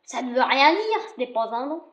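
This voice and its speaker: A woman's voice: high voice, sing-song, brisk, a bit bright, reverberant, highs cut off. A young woman casually commenting on her football game, chatty and jokey, swearing now and then. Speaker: gaming video creator.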